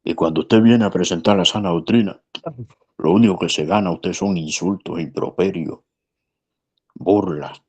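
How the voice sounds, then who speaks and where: A man's voice: deep voice, normal speed, darkish tone, husky, lo-fi sound. A man, a pastor, telling a story in conversation in an earnest, emphatic way. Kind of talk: preaching in conversation.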